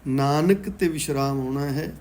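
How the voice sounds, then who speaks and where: Male recitation teacher, Punjabi accent, deliberate syllable-by-syllable delivery, mellow and slightly high voice. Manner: slow and deliberate, spelling out letters and syllables. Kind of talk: line-by-line recitation lesson.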